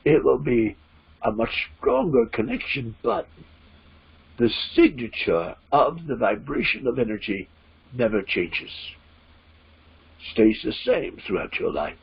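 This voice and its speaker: A man voicing a channeled spirit teacher, giving solemn, gentle guidance in halting, deliberate, formal phrases with a husky, creaky voice. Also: mid-range voice, sing-song, exaggerated voice. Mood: solemn, instructive. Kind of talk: slow trance-channeled spiritual address. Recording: dull, lo-fi sound.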